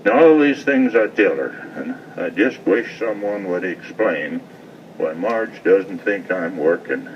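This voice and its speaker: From some way off the mic, with slightly dull sound, comes a man reciting cowboy poetry at a live event. His voice sits fairly low. He speaks in a folksy cowboy drawl with a rural accent of the American West. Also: lively intonation, measured pace. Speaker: cowboy poet, rancher. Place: festival stage, live event. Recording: distant mic, muffled, noisy event sound.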